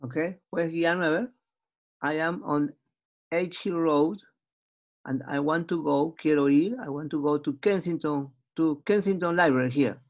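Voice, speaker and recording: A man's voice: a little high, takes it slowly. A man, teaching an English lesson with patient repetition and translation. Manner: patient, repeats phrases and translates into Spanish.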